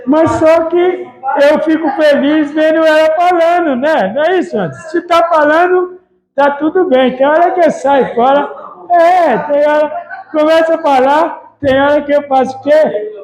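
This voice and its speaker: A man's voice: extremely high pitch, a little mellow, rough recording. A man preaching a casual, colloquial sermon as a pastor, chatting and acting out everyday speech. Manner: colloquial, chatty, mimics family members' voices. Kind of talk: informal sermon.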